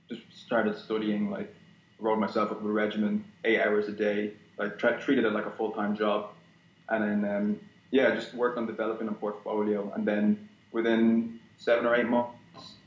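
A man's voice: fairly low pitch, completely flat delivery, moderate pace. A young man, a guest in a casual interview, talking hesitantly with many fillers and restarts. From Ireland. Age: young adult. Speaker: guest concept artist. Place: small room at home, indoors. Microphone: video call webcam. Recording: dull roomy webcam audio with faint noise.

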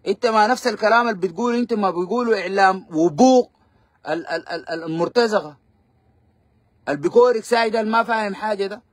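Brief: Sudanese man, high voice, rapid combative ranting, dry close sound. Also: no room sound. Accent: Sudanese Arabic. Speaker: political commentator. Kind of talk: live-stream political commentary.

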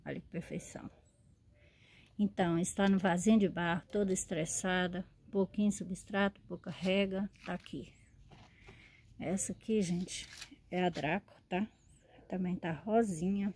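A woman's voice: on the low side, fairly even intonation, measured pace, pauses often, a little mellow, a little hiss or hum. A woman, a succulent grower and seller, chatting fondly in a show-and-tell vlog and often checking in with her viewers.

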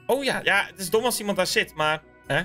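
A young adult man in casual gaming banter on a headset, excitable and often repeating words rapidly. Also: high voice, faint music behind. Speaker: gamer playing hide-and-seek. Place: small dim indoor room at a gaming desk.

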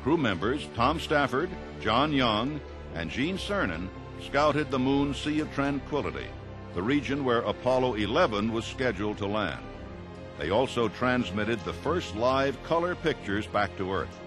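A man giving scripted documentary narration in an even, informative way. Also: mid-range voice, unhurried. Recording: narration over clear music.

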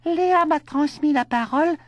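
A man voicing a small talking cat in a storybook, calm and explaining. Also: very high voice, normal speed, no echo, voice pushed up.

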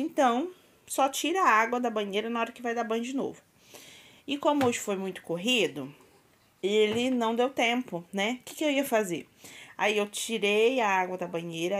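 Chatty Brazilian mom vlogging at home. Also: female voice, mid-range voice. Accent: Brazilian Portuguese. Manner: chatty, keeps addressing viewers. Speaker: vlogger and mother. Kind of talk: casual home vlog.

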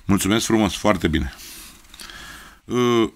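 A man's voice: fairly low pitch, expressive. A Romanian man in his fifties, a guest singer chatting casually in an earthy, colloquial way with slangy interjections. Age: 50s. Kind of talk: casual chat.

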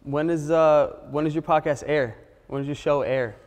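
A man's voice: fairly high pitch, steady tone, moderate pace, darkish tone, long reverb tail. A man co-hosting a casual interview, asking light, joking questions into a lapel mic. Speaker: co-host.

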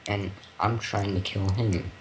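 A man's voice: fairly low pitch, fairly even intonation, unhurried, a little hiss or hum. A man chatting and teasing a friend during a game, getting frustrated. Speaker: gamer. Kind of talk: casual gaming chat.

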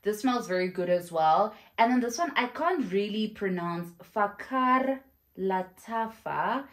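A young South African woman films a casual perfume review vlog at home, talking to the camera in front of her in a room with shelves. She's chatty and effusive, full of exclamations and fillers, with a mid-range voice, lively intonation and a measured pace.

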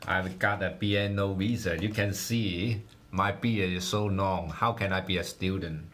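A man talks at a slow, unhurried pace in a fairly low voice. His speech comes in halting bits, with words repeated as he thinks aloud. A faint hiss sits under the voice. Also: fairly even intonation, a bit bright. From Hong Kong. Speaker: livestreamer. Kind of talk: casual livestream food tasting.

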